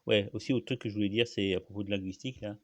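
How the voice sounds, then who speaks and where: Man, low gravelly voice, dry close sound, rambling solo host full of fillers. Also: fairly even intonation, very fast, no room sound. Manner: rambling, many fillers and restarts, frequent coughs. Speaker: channel host. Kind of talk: casual solo monologue.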